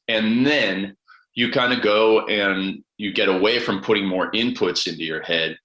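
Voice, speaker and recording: A man's voice: on the low side, a little slow, pushed and bright. A man coaching in a conversational way, explaining step by step with acted-out examples, in a roomy, echoing recording. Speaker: coach and author, guest. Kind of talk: conversational advice.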